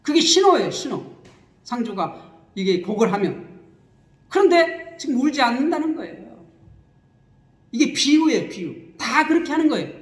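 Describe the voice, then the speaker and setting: A man preaching a sermon as pastor, explaining scripture with lively repetition and acted-out wailing, recorded in a church. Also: extremely high pitch. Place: church sanctuary. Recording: echoey church hall.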